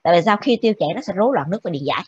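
Brisk woman teacher lecturing. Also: medium pitch, animated, a little mellow, husky. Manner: brisk, keeps checking with the class. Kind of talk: classroom lecture. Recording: dull lo-fi with faint noise.

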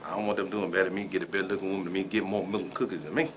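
A deep-voiced man in his forties from Dayton, Ohio races through a boastful comic rant on a local talk show, his intonation fairly even. Slight background noise fills the small indoor room where he riffs and banters.

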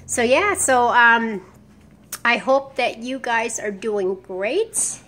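A woman's voice: a little high, lively intonation, slow pace, fairly bright tone. Woman vlogger wearing new dentures, rambling. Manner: rambling, many ums and restarts. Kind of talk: casual vlog update. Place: home.

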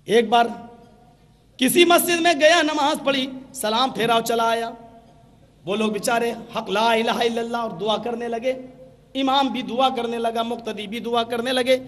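A man preaching a sermon, animated and mocking, acting out the dialogue in his stories. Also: very high-pitched. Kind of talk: sermon with storytelling. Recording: long hall reverb.

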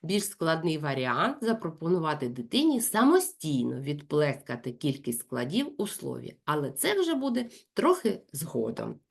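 A woman running a consultation for parents, speaking slowly and clearly and acting out lively sing-song examples. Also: deep voice. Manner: addresses parents directly, gentle and instructive. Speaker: speech therapist consulting parents.

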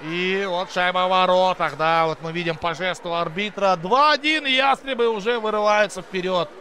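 A high-voiced man gives an excited hockey goal call in live play-by-play. His bright, forceful delivery is full of exclamations and stretched-out words, with clear rink noise behind him. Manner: exclamatory, drawn-out words, colloquial interjections. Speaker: hockey commentator. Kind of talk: live play-by-play sports commentary.

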